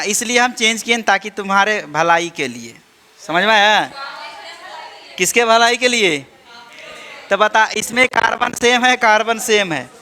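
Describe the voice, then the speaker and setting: A man's voice: high-pitched, pushed and bright. A man teaching organic chemistry to a class, drilling students with repeated check-in questions and teasing them playfully. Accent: Indian. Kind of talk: classroom lecture.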